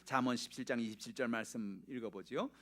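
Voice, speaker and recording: Man, pastor, Sunday sermon, loud bursts and soft whispers, frequent hallelujahs, middle pitch. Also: fast talker. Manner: swings between loud exclamations and hushed whispers; punctuates with repeated hallelujahs.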